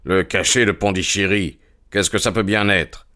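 A man reading the lines of a grim, frightened older colonel in an audiobook, gruff and solemn. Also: sits low, fairly even intonation, normal speed, pushed and bright.

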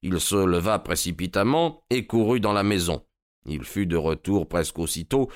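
Low-voiced man narrating a classic tale. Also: expressive, no room sound, studio quality. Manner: measured, deliberate storytelling. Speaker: audiobook narrator. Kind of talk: scripted literary narration.

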